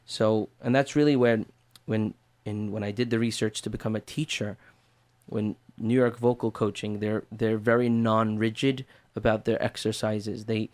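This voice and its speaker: A man's voice: fairly low pitch, little pitch movement, moderate pace, darkish tone. A man working as a voice teacher, answering interview questions in an earnest, step-by-step way.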